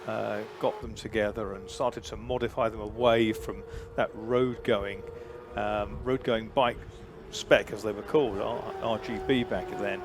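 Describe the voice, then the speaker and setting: A man giving analytical motorsport commentary in a discursive way, hesitating as he chooses his words. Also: on the low side. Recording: clear background noise.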